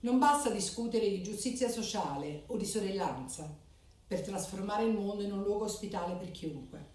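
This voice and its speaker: A woman delivers a formal speech in short, measured, declamatory phrases. Her voice sits at an ordinary middle pitch and is picked up from a distance, so it rings out with heavy hall reverb. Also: animated, a little mellow. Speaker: speaker at a club charter ceremony. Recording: echoey hall, voice from far off.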